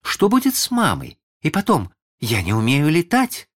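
A man's voice: on the high side, huge pitch swings, moderate pace, pitched above the performer's own voice. A man reading a storybook aloud and voicing a kind, motherly young girl who gushes breathlessly and easily gets enchanted. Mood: pleading. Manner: breathless, gushing, prim.

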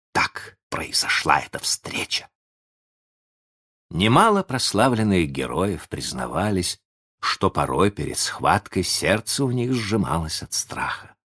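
Slow husky storyteller man. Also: lowish voice. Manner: expressive, slow, addresses listener. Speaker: narrator. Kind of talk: audiobook storytelling.

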